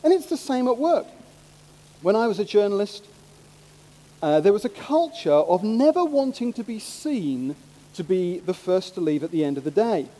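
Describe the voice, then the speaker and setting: A man preaching a sermon, humorous and animated, slipping into mimicked voices. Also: high voice, normal speed. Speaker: pastor. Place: church hall. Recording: long hall reverb.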